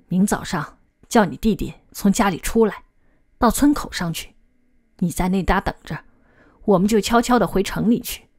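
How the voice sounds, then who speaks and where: A woman's voice: mid-range voice, darkish tone. A woman voicing a kindly middle-aged male village team leader in an audiobook, speaking in a patient, advising way.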